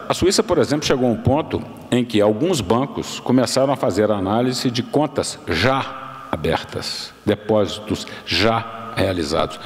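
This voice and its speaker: A Brazilian guest lecturer in his sixties speaks from a lectern in a big university auditorium, his mid-range voice measured and explanatory as he frequently restarts and corrects himself. The lectern microphone captures a long hall reverb.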